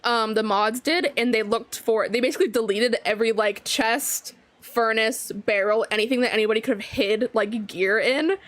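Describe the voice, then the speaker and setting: A woman's voice: a little high, normal speed, fairly bright tone, no echo. A woman casually explaining a Minecraft challenge as she plays, chatty, with many fillers. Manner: chatty, filler-heavy, laughs between phrases. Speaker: Minecraft server player. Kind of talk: casual gaming commentary.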